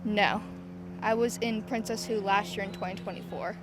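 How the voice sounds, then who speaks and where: A woman cast member outdoors, answering quietly with many "like"s. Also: mid-range voice, fairly even intonation, normal speed, noisy background. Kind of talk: casual interview answers. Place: outdoor theatre stage.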